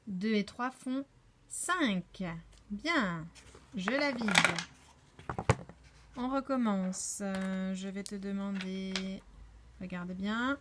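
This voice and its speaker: Slow, clear French teacher woman. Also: mid-range voice, steady tone, very noisy. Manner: sounds out syllables slowly and clearly; gently encouraging, praising the children. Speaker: kindergarten teacher. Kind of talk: remote preschool lesson.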